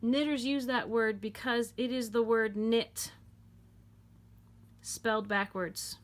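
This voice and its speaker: A woman's voice: fairly high pitch, fairly even intonation, takes it slowly. A woman talks through a knitting tutorial from her home, with an easygoing, chatty delivery. She jokes along the way and repeats key points as she works. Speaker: knitting teacher.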